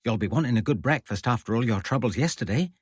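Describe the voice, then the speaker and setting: A bustling young serving girl with a broad Norfolk accent, fussing and motherly, as a male storyteller puts her on. She chatters in a raised, lively voice that swings about. The delivery is husky and dry. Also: medium pitch, quick pace, dry recording. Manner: fussy, excitable, motherly.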